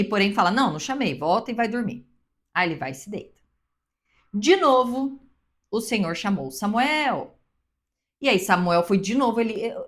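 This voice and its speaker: A woman with a Brazilian Portuguese accent giving an earnest, emphatic devotional teaching that speaks straight to the listener. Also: mid-range voice. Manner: earnest, emphatic, with repetitions and direct address.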